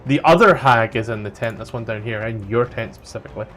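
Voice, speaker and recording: A man's voice: mid-range voice, fast talker, a bit bright. A man running a tabletop game as game master, narrating casually with joking, profane asides. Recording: music playing behind. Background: background music.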